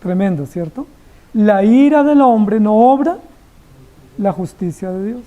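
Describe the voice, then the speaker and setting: Woman, sermon, mellow, dramatic delivery, rhetorical questions. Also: medium pitch, expressive, a little slow, dull audio. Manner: dramatic, acts out biblical dialogue. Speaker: preacher. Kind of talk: expository sermon.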